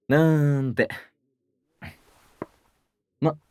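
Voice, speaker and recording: A man doing a cocky, teasing young man, low husky whisper. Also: unhurried, a little mellow, dry recording, heavily acted. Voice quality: husky whisper close to the ear. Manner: taunting, smug, crude. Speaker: voice actor. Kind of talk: whispered ASMR audio drama.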